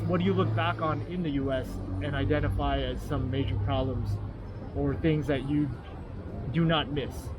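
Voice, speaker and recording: A man hosting a casual discussion, relaxed and encouraging, often answering with a quick yeah. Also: on the high side. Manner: relaxed, many yeahs and back-channel responses. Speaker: host. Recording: outdoor traffic noise.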